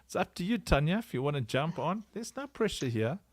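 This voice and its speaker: A man's voice: on the high side, sing-song, brisk, no room sound. A man hosting a casual livestream chat over a video call, playful and sing-song, laughing often. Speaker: livestream host.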